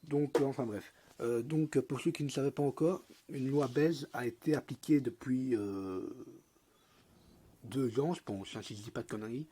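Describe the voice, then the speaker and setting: A man's voice: mid-range voice, normal speed, mellow, breathy edge. A young man, a lisp and a congested, cold-affected voice, giving a rambling, slangy, hesitant tutorial commentary on a mobile game. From Belgium.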